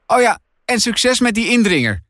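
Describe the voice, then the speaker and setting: A man doing a cheeky teenage girl in an audiobook, voice pushed up high and springy. She sounds quick, bold and a little playful, with a dry, close sound. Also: very animated, a bit bright, no echo, heavily acted. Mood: breezy.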